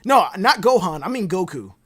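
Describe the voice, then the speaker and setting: This speaker joins a casual stream as a guest to chat about anime theories. The voice sits at an ordinary middle pitch. The delivery is animated and rambling, with frequent side tangents. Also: normal speed, slightly rough. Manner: rambling and animated, full of digressions. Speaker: podcast guest.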